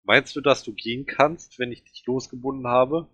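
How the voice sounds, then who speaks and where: Ein Mann liest eine fürsorgliche Frau, die einem gefesselten Jungen hilft, in einem vorgelesenen Buch. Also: male voice, mid-range voice, fairly even intonation, fairly bright tone, slightly rough. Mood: fürsorglich. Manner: hurried, caring. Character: kind woman helping a tied-up boy.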